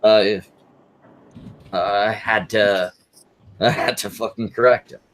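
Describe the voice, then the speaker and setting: Halting, sweary man on a livestream, lowish voice. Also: fairly even intonation, slight background noise. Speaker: livestream host. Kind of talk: casual livestream chat. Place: online group voice call.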